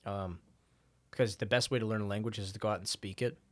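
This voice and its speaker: A man's voice: lowish voice, steady tone, a little fast, no room sound, studio quality. A young man co-hosting a podcast, chatting casually and animatedly, acting out the voices of people in his stories and laughing often. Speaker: podcast co-host. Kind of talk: casual conversation.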